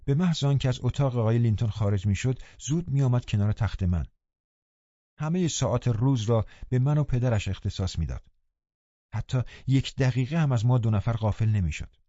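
A man narrating an audiobook in a calm, measured storytelling manner. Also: medium pitch, dry recording. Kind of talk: scripted narration. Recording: slightly dull, muffled recording.

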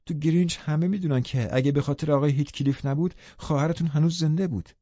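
A man's voice: a little high, expressive, mellow, dry recording, muffled recording, pitched above the performer's own voice. A man voicing a distressed, defiant young woman in an audiobook, speaking in a heated, pointed way. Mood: bitter.

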